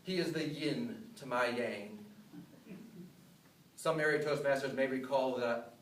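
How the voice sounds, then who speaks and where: A roomy, distant recording with faint noise carries an American man's voice, pitched a little high. He performs a memorized humorous speech as a rehearsed storyteller, setting up self-deprecating lines with deliberate pauses. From upstate New York, USA. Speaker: contestant giving a humorous club speech. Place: live speech in a room.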